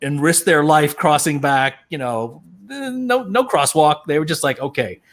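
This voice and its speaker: A middle-aged American actor appears as a panel guest, an outspoken storyteller who acts out the voices of the people he quotes. His voice is slightly high and fairly bright, expressive and unhurried.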